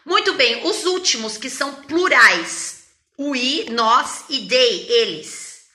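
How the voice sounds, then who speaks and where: Brazilian woman English teacher, playful and animated, bright voice, slightly high, echoey room. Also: slow pace. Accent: Brazilian Portuguese. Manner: animated and playful, switches between Portuguese and English examples. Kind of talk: lively private-lesson style teaching.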